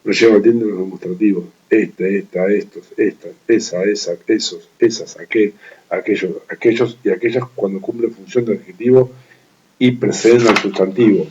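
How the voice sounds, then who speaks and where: A man with a fairly low, mellow voice reads a study text aloud at an even, methodical pace. He stops to repeat words he trips over and slips in short offhand comments. The recording sounds dull and lo-fi. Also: normal speed. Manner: reads steadily, restarting stumbled words, with brief offhand asides. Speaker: law study reader. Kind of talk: reading a legal writing manual aloud.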